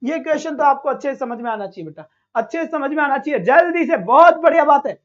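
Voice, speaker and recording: A man's voice: very high-pitched, animated, fast, fairly bright tone, lo-fi sound. A male teacher leading a live online exam-prep class, coaxing students and answering his own questions.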